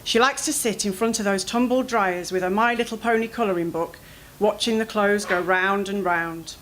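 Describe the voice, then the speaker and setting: A woman reading her own first-person fiction aloud at a literary event, in an expressive, anxious storytelling manner. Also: mid-range voice, moderate pace, slight background noise, low-quality recording.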